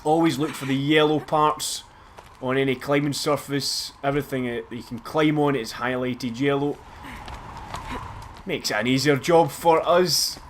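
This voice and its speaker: Scottish man, let's play host, chatty, self-mocking, mid pitch, faint background noise. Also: fairly even intonation, unhurried. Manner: chatty, self-mocking, bursts into loud laughs. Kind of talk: casual gameplay commentary.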